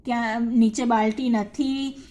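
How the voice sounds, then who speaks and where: A woman's voice: on the high side, steady tone, slow pace, mellow. A woman teacher with a Gujarati accent, patiently explaining a poem to children and reciting its verses in a sing-song. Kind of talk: slow classroom lesson explaining a poem to children.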